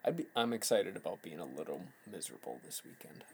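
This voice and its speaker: A man with a Minnesota accent, co-hosting a relaxed fishing chat and laughing easily. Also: low voice, fast, a little hiss or hum. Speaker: podcast host. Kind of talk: casual chat.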